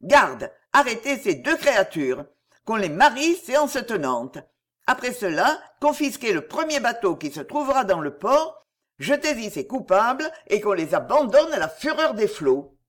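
A woman's voice: medium pitch, big pitch swings, a little slow. A woman voicing a fussy, blustering old king and weary father who barks out orders. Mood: furious. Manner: blustering, commanding.

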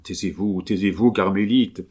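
A man's voice: low voice, fairly even intonation, normal speed, darkish tone, slightly rough. An anguished young man in love, read by a man. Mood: tormented. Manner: tormented, despairing pleading. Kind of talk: audiobook reading.

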